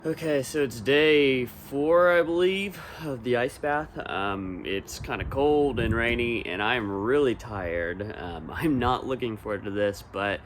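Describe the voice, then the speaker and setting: A man's voice: mid-range voice, unhurried, slight background noise. A man giving casual, informal updates to camera as a vlogger. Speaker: vlogger documenting a challenge.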